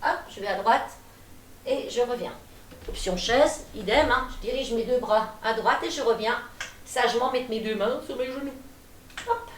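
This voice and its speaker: High-voiced woman leading gentle gym. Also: slight background noise. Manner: calm, cueing breaths, demonstrating as she talks. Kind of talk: guided exercise class. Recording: echoey room, voice from a distance.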